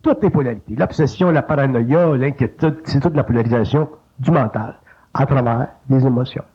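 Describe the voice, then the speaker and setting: Un homme à l'accent québécois qui enseigne d'un ton familier et animé, sa voix grimpant soudain pour imiter une petite voix intérieure. Son timbre est un peu voilé, sans éclat. L'enregistrement, tiré d'une vieille cassette numérisée, sonne étouffé et lo-fi. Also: male voice, brisk, husky. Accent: Quebec French. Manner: colloquial, animated, jumps up in pitch to mimic an inner voice. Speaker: spiritual teacher. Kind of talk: informal spoken teaching. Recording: lo-fi digitized cassette tape.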